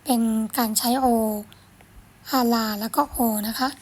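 A woman teaching French, reading phrases slowly and carefully, then explaining them quickly in a gentle, encouraging way. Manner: gentle, encouraging, ends phrases with polite particles. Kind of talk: explaining a French lesson in Thai.

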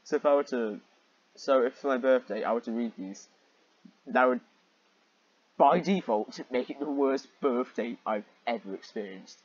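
A man with a medium-pitched, mid-range voice hosts and reads fan fiction aloud at a moderate pace, adding wearily sarcastic comments and exasperated, sighing asides. He often clears his throat between phrases. The audio has no room sound but is dull and slightly muffled, like a cheap microphone.

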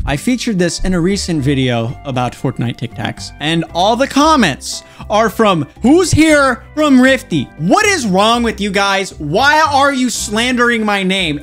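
A man's voice: high-pitched, fairly bright tone. A young man giving casual, exaggerated and sarcastic reaction commentary as host, close on a studio microphone in a small room. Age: young adult. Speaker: host of a video reaction show. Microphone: close studio microphone on a boom arm. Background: music.

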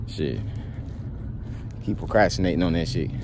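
Walking down a street on a sunny day, a young man vlogs into a phone held low at arm's length, rambling in a laid-back way and asking "you feel me" over and over. His voice is low and moderately paced, and he sounds slightly sick with a cold. Street noise and passing traffic fill the background.

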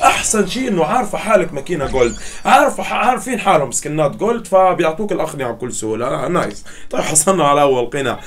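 Young male gamer, high voice, rapid-fire excited commentary, loud mock outrage. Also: a little hiss or hum. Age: 20s. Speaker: gaming YouTuber.

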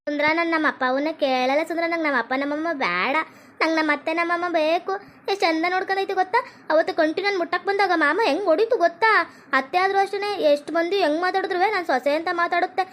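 A woman's voice: extremely high pitch, fairly even intonation, rapid-fire, a bit bright, a little hiss or hum. A woman playing a tearful, remorseful young village wife who pleads as she cries, with a North Karnataka Kannada accent. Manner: crying, pleading.

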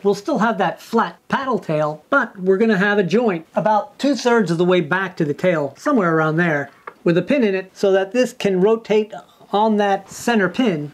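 A man in his fifties explaining a lure build step by step in a home workshop, thinking aloud as he goes. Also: sits high. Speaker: lure maker demonstrating a build. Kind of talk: workshop tutorial.

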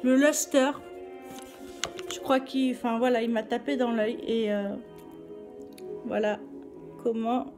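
A woman's voice: on the high side, fairly even intonation, measured pace, long pauses, over music. A woman doing a casual makeup review vlog, chatty and hesitant, with many fillers and restarts. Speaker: beauty vlogger.

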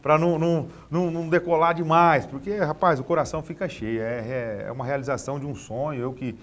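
A man's voice: fairly high pitch, steady tone, a little fast. A middle-aged Brazilian man speaking casually as an interview guest, often repeating small words as he looks for the next phrase. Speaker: rodeo announcer being interviewed. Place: TV studio, standing.

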